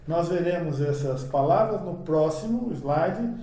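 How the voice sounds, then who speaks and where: Male lecturer, mellow voice, distant mic, very echoey room, explanatory slide talk. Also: on the high side, animated, measured pace. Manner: explanatory, frequent "né?" tag questions. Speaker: judo lecturer.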